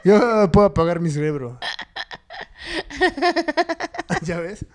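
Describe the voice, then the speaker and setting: A man's voice: sits high, sing-song, slow. A man with a Mexican accent, co-hosting a podcast in casual chat, thinking aloud in slangy talk with some swearing. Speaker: podcast co-host.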